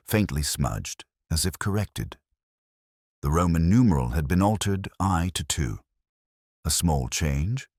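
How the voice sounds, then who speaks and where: Very low and full of pitch movement, this male voice performs a weary police inspector narrating his case in the first person for an audio mystery. He uses measured, literary lines with a reflective, brooding feel, fully in character. The audio is close and dry, with no room sound.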